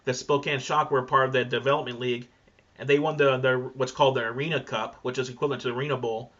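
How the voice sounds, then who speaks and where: A man's voice: medium pitch, fairly even intonation, fast talker, a bit bright. A man hosting a podcast, chatting casually and rambling, with many fillers and restarts. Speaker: podcast host. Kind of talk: casual conversation. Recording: dull lo-fi sound.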